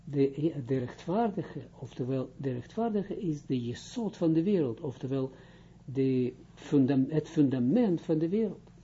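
A middle-aged man teaching a religious study lesson, slow and halting, with many restarts as he translates and explains. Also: on the high side, lively intonation, warm tone, slight background noise. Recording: dull lo-fi recording.

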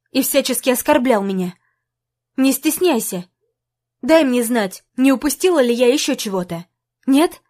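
A woman's voice: fairly high pitch, a little mellow. A woman reading an audiobook, voicing a furious young woman who hurls angry accusations at her ex.

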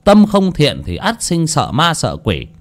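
A man's voice: a little high, huge pitch swings, a little slow, pitched above the performer's own voice. A man voicing a stern older village chief who scolds and lectures the villagers with authority. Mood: lecturing.

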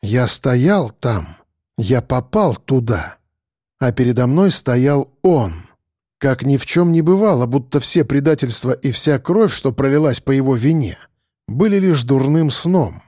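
A man narrating first-person fiction in a measured, grave way, in an audiobook. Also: mid-range voice, lively intonation, warm tone, clean studio sound. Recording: roomy reverb, faint noise.

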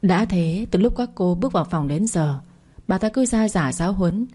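A woman narrating a dramatic story in a steady storytelling voice. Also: medium pitch, moderate pace, husky.

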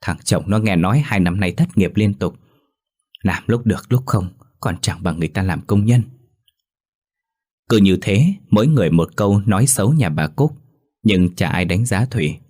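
A man narrating a story in a steady audiobook delivery. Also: sits low, normal speed. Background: faint music.

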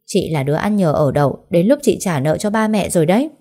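A woman voicing a spoiled younger daughter who talks in a mocking, sharp way. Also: fairly low pitch, lively intonation, quick pace.

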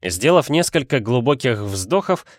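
A man narrates a storybook in a steady, even storytelling manner. His voice sits in the middle range. The recording is dry and close. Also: mid-range voice, measured pace, no room sound. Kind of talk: audiobook narration.

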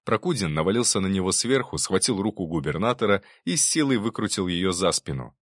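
A man narrating an audiobook in a steady, even storytelling manner. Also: low-pitched, brisk, dry recording, clean studio sound.

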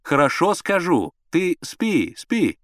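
Man playing a stout teasing dad, sly amused drawl, lively pitch, storybook. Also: takes it slowly, no room sound, studio quality. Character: stout good-natured teasing middle-aged father.

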